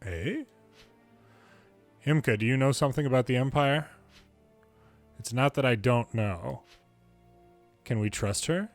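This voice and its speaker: A fan reader with a mid-range male voice reads game cutscene dialogue aloud in English, adding light character acting over faint background music. His pace is measured, broken up by long pauses.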